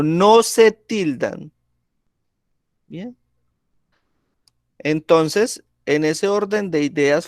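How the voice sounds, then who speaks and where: A male teacher talks very slowly and patiently, with a slightly raised pitch. He keeps checking in with the class. The sound is dry and close, like a video call. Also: no room sound. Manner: slow, patient, checks in with frequent "¿sí?". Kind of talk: classroom grammar lesson.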